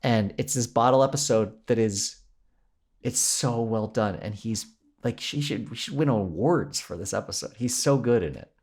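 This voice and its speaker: A man's voice: fairly low pitch, normal speed, a little mellow. A man co-hosting a podcast in casual chat, enthusiastic and rambling, laughing often. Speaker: podcast co-host.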